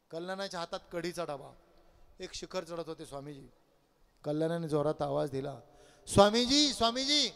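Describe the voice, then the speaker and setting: A male devotional preacher telling a sacred story to his listeners. He talks in an animated way and asks and answers his own questions. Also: fairly high pitch, clear, resonant tone. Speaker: kirtan preacher. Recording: long hall reverb.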